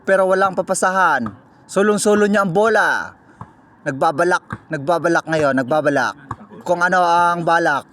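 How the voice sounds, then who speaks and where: A man doing playful mock play-by-play commentary on a casual basketball game, teasing the players, laughing often and shouting on big plays. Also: on the high side, normal speed.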